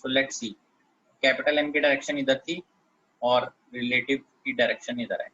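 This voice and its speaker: A man's voice: mid-range voice, steady tone, normal speed, pushed and bright, husky, lo-fi sound. A man teaching physics in a classroom lecture, explaining step by step and often checking that students follow.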